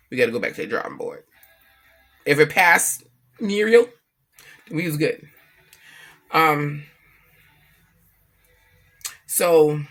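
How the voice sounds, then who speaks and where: A woman vlogging casually about family, telling an animated, profane story and acting out what others said. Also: low voice. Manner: emphatic, repeats herself for effect.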